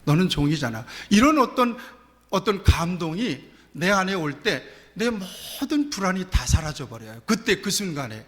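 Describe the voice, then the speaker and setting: Male pastor, middle-aged: high, swinging voice, storytelling sermon. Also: measured pace. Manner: animated preaching with rhetorical questions and personal stories. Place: church sanctuary. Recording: long church hall reverb.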